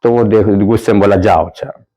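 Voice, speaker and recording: A man recounting his own story in a relaxed, rambling way, acting out the lines of the people in it. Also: lowish voice, moderate pace. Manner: acts out quoted dialogue in the story; plain, rambling spoken Hindi with restarts. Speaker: guest telling his life story. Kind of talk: conversational storytelling.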